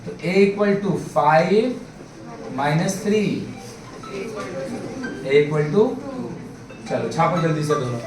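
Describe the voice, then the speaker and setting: A man's voice: a little high, very slow, pauses often, a crowd in the background. A man tutoring math students in a classroom, coaxing them along with questions and calling them babu and bhai. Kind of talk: classroom math lesson in Hindi-English mix. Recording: echoey room, mic far off, faint background noise.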